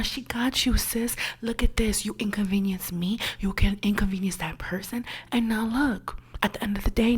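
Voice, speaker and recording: In an ASMR roleplay, a woman with a medium-pitched, slightly rough voice plays a condescending female insurance claims agent. She whispers patronizingly, calling the listener sweetie and honey.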